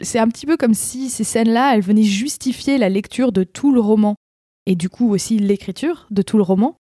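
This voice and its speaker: A woman's voice: medium pitch, warm tone, no echo, studio quality. A woman hosting a casual book and writing podcast, chatty with frequent hesitations. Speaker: podcast host.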